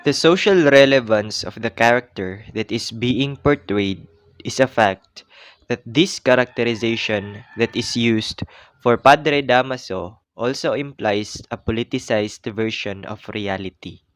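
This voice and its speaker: A young man with a Filipino accent, reading a class presentation in a measured, formal way. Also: mid-range voice. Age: young adult. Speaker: student presenter.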